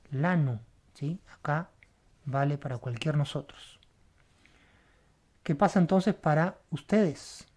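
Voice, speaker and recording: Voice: mid-range voice, a little mellow, slightly rough. A Hebrew teacher gives a word-by-word lesson, spelling out letters, repeating sounds and checking in with a questioning "right?" after each step. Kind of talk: word-by-word Bible language lesson.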